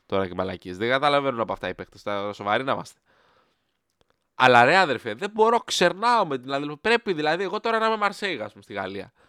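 A man's voice: fairly high pitch, pushed and bright, smooth, no room sound, studio quality. A man hosting a solo football podcast, talking in a heated, sarcastic rant with his voice jumping up when riled.

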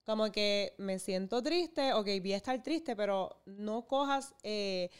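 A woman's voice: medium pitch, slow, clear, resonant tone. A woman in her thirties with a Puerto Rican accent, a guest in a casual interview, talking expressively about her own life and laughing easily. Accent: Puerto Rican Spanish.

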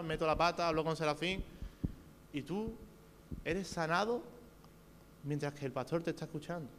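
A man's voice: fairly high pitch, a bit bright. A man preaching a sermon with a Spain Spanish accent, earnest and talking straight to his listeners with rhetorical questions. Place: church hall. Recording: reverberant hall with faint hum.

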